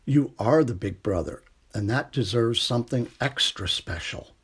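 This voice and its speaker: Man as a gentle, husky raccoon mother. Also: mid-range voice, expressive, normal speed. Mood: soothing, reassuring. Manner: gentle, soothing, warm delivery. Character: motherly female raccoon, tender, reassuring parent. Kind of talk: children's storybook character voice.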